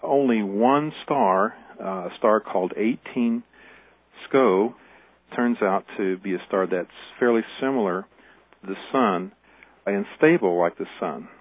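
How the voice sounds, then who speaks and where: A man's voice: fairly low pitch, measured pace, no room sound. A man explaining science as an expert in a documentary interview. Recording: dry, narrow phone-like radio sound.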